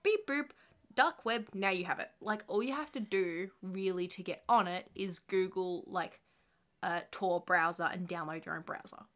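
A woman's voice: fairly low pitch, steady tone, normal speed, fairly bright tone. A woman in her twenties co-hosting a podcast, chatty and explanatory in casual talk. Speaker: podcast co-host. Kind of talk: casual chat.

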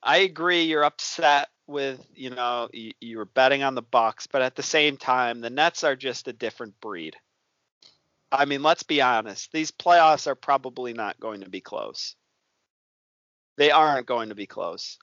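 Casting: male sports co-host, mid-pitched, easygoing and self-mocking, talking over a dull, dry lo-fi line. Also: a bit bright, dry recording. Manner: loose and self-deprecating, many ums. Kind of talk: casual sports chat.

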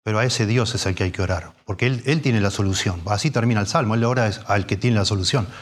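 A man's voice: fairly low pitch, fast talker. A man, preaching a sermon in a conversational way, full of restarts and rhetorical questions.

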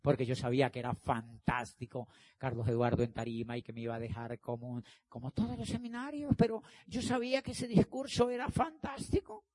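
A man's voice: medium pitch, lively intonation, brisk, darkish tone. A middle-aged man speaking to an audience as a motivational speaker. He acts out the dialogue and hammers his points home with emphatic repetition. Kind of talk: animated storytelling talk.

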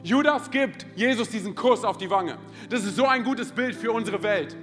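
A high-pitched, bright-toned man delivers a passionate sermon as pastor. He jumps from ringing shouts to quiet, intense passages, sprinkling in "hey" along the way. The sound carries the long reverb of a large church hall over faint music. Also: lively intonation, normal speed.

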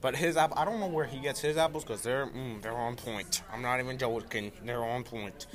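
A man's voice: mid-range voice, moderate pace. A man chatting casually about food, rambling and playful, repeating words, sounding a bit stuffy.

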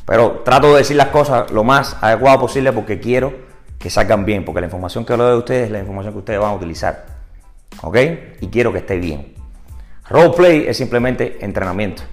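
A man talking a little fast, with faint music in the background, teaches real estate agents in a live seminar. His Spanish is peppered with English words and rhetorical questions, and he animatedly climbs to loud, high emphasis before sinking low and quiet.

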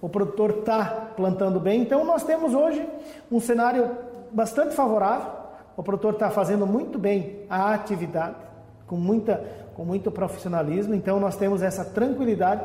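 A man giving an explanatory interview answer as a technical expert, in a halting way with repeated words. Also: high voice, warm tone. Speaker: technical director of an agricultural extension agency, interview guest. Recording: echoey room with long reverb.

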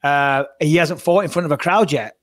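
Man, podcast co-host, casual fight talk, lots of swearing, fairly high voice. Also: moderate pace. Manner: animated storytelling, heavy swearing.

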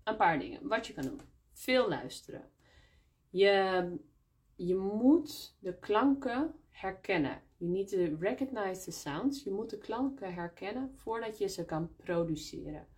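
A woman teaching Dutch in a live-streamed question-and-answer lesson, explaining slowly and repeating words in Dutch and English. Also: mid-range voice, lively intonation, darkish tone. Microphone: phone.

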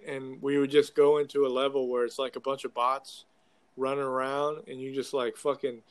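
A young man in casual conversation, talking like a frat bro with loose slang and plenty of swearing. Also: mid-range voice. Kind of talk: casual chat about video games.

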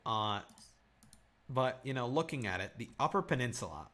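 A man co-hosts a relaxed podcast chat. He is from Michigan, and his voice swings a lot in pitch. He reads aloud and jokes along the way. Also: normal speed. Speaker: podcast co-host. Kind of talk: casual chat.

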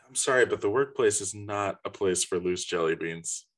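Joking man with quick banter. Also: lowish voice. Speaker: podcast co-host. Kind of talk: casual comedic chat. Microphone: handheld microphone.

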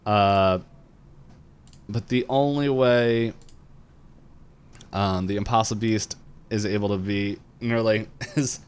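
A man's voice: fairly low pitch, fairly even intonation, slow, long pauses, smooth. A man co-hosting a podcast, casually retelling a cartoon episode in a rambling way, with lots of fillers and laughs. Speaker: podcast co-host. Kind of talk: casual recap chat.

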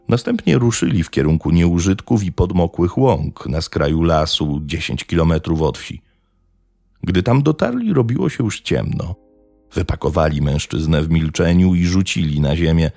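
A man narrating a true-crime story in a measured, grave tone. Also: very deep voice, darkish tone, dry recording. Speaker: podcast narrator.

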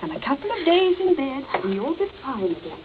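A woman's voice: high voice, sing-song, fairly quick. An actress playing a genteel, anxious and fussy household lady in a radio drama. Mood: solicitous. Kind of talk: old-time radio drama acting. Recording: tinny band-limited old radio, faint noise.

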